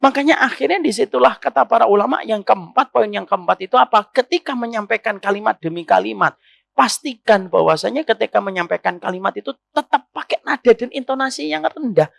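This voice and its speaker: A male Islamic preacher giving a sermon to women, animated and teasing, asking rhetorical questions. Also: high voice, a little fast, gravelly, no echo.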